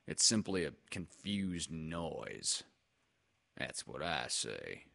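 Male reader as gloomy storybook donkey, deep low voice, slow heavy delivery, resigned, long-suffering grumble. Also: very animated, vocal fry, bright, forceful tone, heavily acted. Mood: glum, grumbling. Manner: glum, slow, ponderous, resigned.

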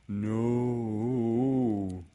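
A man's voice: mid-range voice, steady tone, drawn-out words, dark tone, dull audio, pitched above the performer's own voice. A man voicing Pooh as an earnest, naive, polite toy bear in a storybook read-aloud, with a simple-minded delivery. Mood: polite, impressed.

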